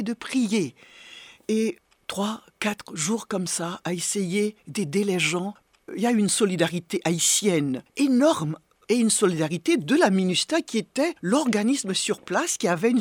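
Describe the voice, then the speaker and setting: Middle-aged woman being interviewed, husky voice, dry close sound, slow serious storytelling. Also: lowish voice, no echo. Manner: measured, grave storytelling. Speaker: interviewee recounting an earthquake. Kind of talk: interview testimony.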